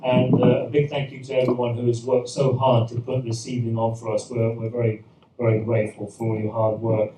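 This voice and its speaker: A British pastor with a medium-pitched, monotone voice tells humorous, self-deprecating anecdotes to a church audience at a brisk pace, restarting often. He's recorded from far off in an echoey room with faint background ambience and noise.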